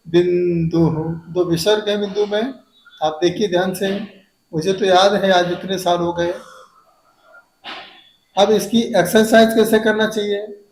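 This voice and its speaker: Monk teacher, high voice, unhurried, drawn-out verse syllables with quick asides, echoey room. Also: male voice. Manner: stretches verse syllables slowly, then explains in quick asides. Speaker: Jain monk teaching hymn recitation. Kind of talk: devotional recitation lesson.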